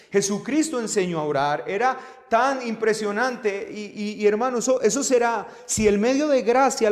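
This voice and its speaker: Man, earnest sermon, long hall reverb. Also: high-pitched. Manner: earnest preaching, repeatedly addressing "hermanos". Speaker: preacher.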